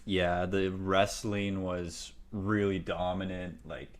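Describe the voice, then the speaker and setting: A man from Canada co-hosting a podcast, chatting about fights in a casual, excitable way with frequent laughter and slang. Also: deep voice, takes it slowly. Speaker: podcast co-host. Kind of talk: casual sports chat.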